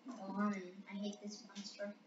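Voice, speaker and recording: A young-sounding co-player chatting playfully through a game in an excitable, cheeky way. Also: mid-range voice, measured pace, echoey room, muffled recording. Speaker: gamer playing along as co-player. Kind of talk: playful gameplay chat.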